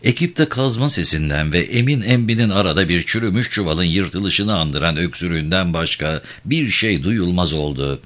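A man reading a novel aloud as narrator, in an expressive, measured storytelling voice. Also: deep voice. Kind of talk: scripted audiobook narration.

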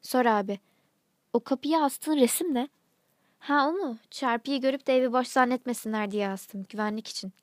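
A man's voice: extremely high pitch, normal speed, dry recording, clean studio sound. A woman reading a brusque, impatient grown son. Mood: wary. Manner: brusque, scolding.

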